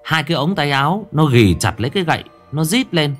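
A man narrating a ghost story with lively, dramatic delivery. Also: fairly high pitch, brisk, faint music behind.

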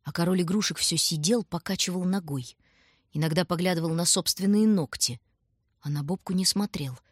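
A woman narrating a children's storybook in a calm, even reading voice, close to the mic. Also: on the low side, moderate pace, slightly rough, dry recording. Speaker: audiobook narrator.

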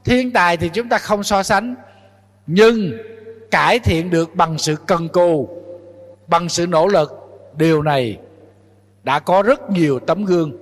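A male Buddhist monk with a high voice preaches to his young followers, keeps throwing rhetorical questions at them and scolds them in a fatherly way. A long hall reverb trails after his words. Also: a little slow, long pauses. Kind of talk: dharma talk to young followers.

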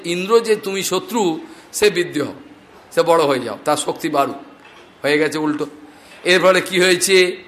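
A male preacher giving a scripture discourse, reciting Sanskrit mantras and telling animated stories. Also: high voice.

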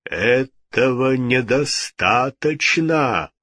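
A man voicing a solemn ghostly voice that speaks slowly and gravely. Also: medium pitch, animated, pushed and bright, no echo, exaggerated voice. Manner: slow, grave, pronouncing. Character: solemn ghostly male voice from the dark.

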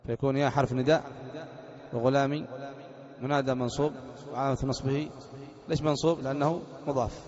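A man's voice: mid-range voice, steady tone, brisk, pauses often, big-room sound, highs cut off, a crowd in the background. A man teaching a grammar lesson as a sheikh, explaining step by step and quizzing his students as he goes.

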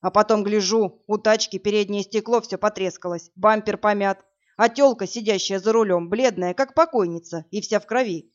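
A woman voicing a burly young man who talks loudly in a slangy, casual way. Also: mid-range voice, normal speed, natural voice. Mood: concerned. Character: burly brash young man, rough but kind. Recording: dull lo-fi audiobook recording.

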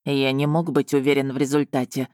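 A woman voicing a calm, composed young male emperor who speaks evenly. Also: very deep voice, a little fast, no echo, clean studio sound, voice pushed down.

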